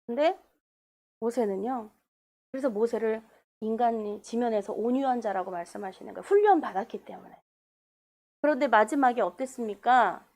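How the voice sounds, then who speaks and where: A woman pastor preaching a sermon in a church, animated, with sudden loud bursts and quiet asides. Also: on the high side, brisk. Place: church sanctuary.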